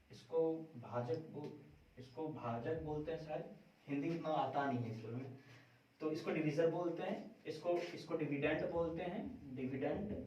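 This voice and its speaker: A man's voice: fairly high pitch, darkish tone, a little hiss or hum. A man teaching a math lesson in a classroom, often asking a question and then answering it himself. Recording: very echoey room, distant mic, dull sound.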